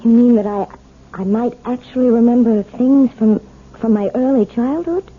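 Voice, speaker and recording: An actress playing a timid, wounded wife in 1970s radio drama, restrained and hesitant. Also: female voice, fairly high pitch, normal speed, breathy edge, phone-quality sound. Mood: anxious, curious. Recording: thin, noisy old radio broadcast recording.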